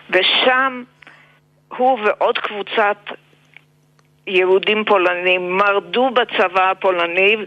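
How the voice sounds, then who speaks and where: An older woman with an Israeli accent, speaking reflectively and deliberately in an interview, with pauses and emphatic repetitions. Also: medium pitch, highs cut off. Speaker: interviewed memoir author.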